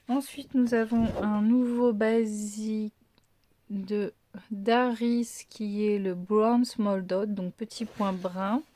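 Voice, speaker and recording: A woman's voice: medium pitch, dark tone, a little hiss or hum. A woman hosting a casual craft unboxing video, thinking aloud with lots of fillers and apologetic self-corrections.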